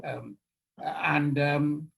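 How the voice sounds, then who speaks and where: A man's voice: fairly high pitch, steady tone, very slow, creaky, fairly bright tone, breathy edge. An older man from India, an actor, telling a personal anecdote in a theatrical, hesitant storytelling manner. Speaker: actor, interview guest.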